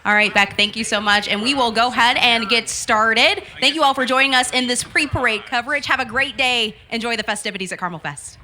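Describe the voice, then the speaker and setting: A woman's voice: on the high side, fairly quick, hardly any pauses, bright, forceful tone. A woman hosting live event coverage in an upbeat presenting style. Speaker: event broadcast host.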